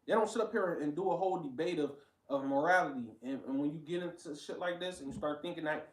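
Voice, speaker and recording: A man's voice: fairly high pitch, fast talker, reverberant, recorded from a distance, rough recording. A man giving blunt, profane, emphatic casual commentary while reacting to a video.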